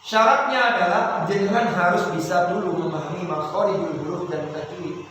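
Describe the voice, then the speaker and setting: Brief: Javanese male recitation teacher, slightly high, tired voice, heard from afar in an echoey hall. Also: a bit bright. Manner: explains then chants verses slowly in melodic tones. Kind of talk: Quran recitation lesson with chanted examples. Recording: echoey hall, distant mic, noisy.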